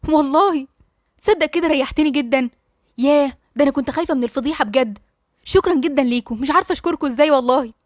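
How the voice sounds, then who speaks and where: Egyptian woman doing a mocking angry lady doctor, high fast voice, dry. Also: no room sound, natural voice. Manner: sarcastic, defensive. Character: angry bitter female doctor, now a patient.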